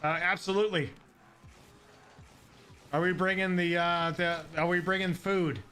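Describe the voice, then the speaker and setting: A man's voice: high-pitched, fairly even intonation, pushed and bright, clean tone, soft background music. A man chatting casually with a friend while gaming, joking, swearing and laughing often. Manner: profane, joking, quick to laugh. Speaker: gamer. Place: Saint Louis.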